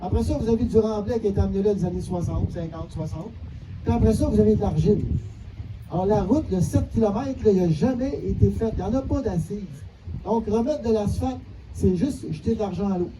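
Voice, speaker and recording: Quebec-accented male organizer, earnest, detailed address; high voice, distant pickup over heavy background noise. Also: fairly quick. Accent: Quebec French. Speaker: local organizer at a public meeting. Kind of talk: explanatory public address.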